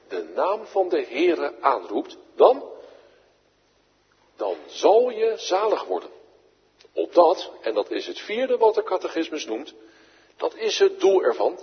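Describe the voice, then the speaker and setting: A man's voice: a little high, slightly rough. A man preaching a sermon, with dramatic swells and drops in his voice and scripture quotes delivered with rising force. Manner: dramatic rises and falls, quoting scripture with raised voice. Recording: echoey church hall, dull lo-fi radio broadcast.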